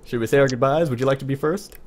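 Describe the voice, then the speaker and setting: A man's voice: mid-range voice, fast talker. A man hosting a podcast in casual chat, with a dry, wry manner. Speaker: podcast host.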